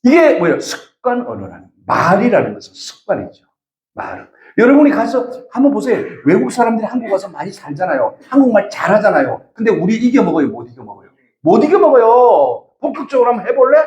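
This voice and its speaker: A man's voice: high voice, very animated, fast talker, a little mellow. A man from the region, giving a lecture and telling stories while he questions the audience directly. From Gyeongsang region, South Korea. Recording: echoey lecture room.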